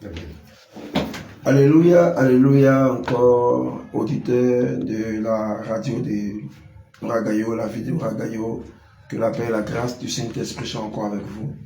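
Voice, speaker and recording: A man's voice: fairly low pitch, level tone, measured pace, vocal fry, mellow, a little hiss or hum. A man preaching on radio, solemnly addressing listeners at home. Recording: echoey room, a bit far from the mic.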